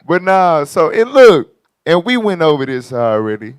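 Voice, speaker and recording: High-voiced animated man hosting a talk show. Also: moderate pace, clear, resonant tone, dry recording, clean studio sound. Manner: animated, laughing, slangy. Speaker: host. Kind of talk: casual commentary on clips.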